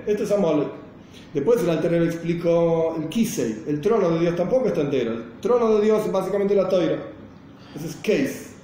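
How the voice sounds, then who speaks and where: High-voiced rabbi in an echoey room. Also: male voice, warm tone. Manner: explanatory, rhetorical questions, acts out an angry outburst. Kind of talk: Torah lesson. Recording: very echoey room, faint noise.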